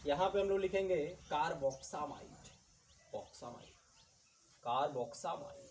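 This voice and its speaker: A man gives a chemistry lecture with a raised voice, slow and drawn out, and says every term two or three times for his students. He sounds set back from a distant mic, with faint noise and birds behind him. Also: a little high. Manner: slow, repeats terms, addresses students as kids. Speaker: chemistry teacher. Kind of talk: blackboard lecture.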